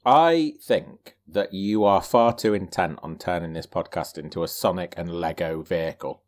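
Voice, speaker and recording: Male podcast co-host, deep voice, jokey and teasing. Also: moderate pace. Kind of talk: casual podcast chat.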